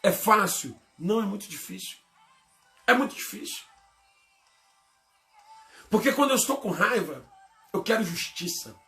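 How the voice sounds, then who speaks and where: A man preaching a sermon as pastor, with a Brazilian Portuguese accent, swinging between loud emphatic bursts and quiet low asides. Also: animated, unhurried, gravelly, pauses often, soft background music.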